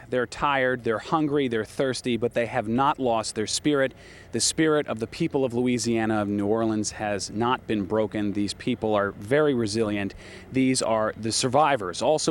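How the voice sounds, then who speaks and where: A man delivering scripted television news reporting with measured, dramatic emphasis. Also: mid-range voice. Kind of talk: scripted broadcast news narration.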